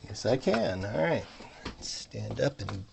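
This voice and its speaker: A man talks slowly and dryly as he tinkers at a home workbench, half muttering to himself with a sarcastic edge. His voice sits low with a gravelly fry, and a faint hiss runs under it. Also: very animated. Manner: dry, sarcastic, muttering to himself while working. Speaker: hobbyist modder. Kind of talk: casual workbench vlog narration.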